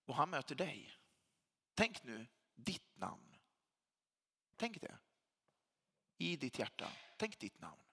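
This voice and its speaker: A man's voice: mid-range voice, big pitch swings, long pauses, bright, forceful tone, slightly rough. A man preaching a sermon as a pastor, speaking with emphasis and repeating key phrases for weight. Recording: long hall reverb.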